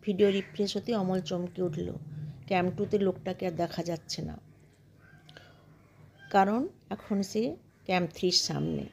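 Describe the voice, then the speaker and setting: A woman reading a short story aloud in a steady, measured narration. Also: fairly low pitch, vocal fry, a little hiss or hum. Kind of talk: scripted narration.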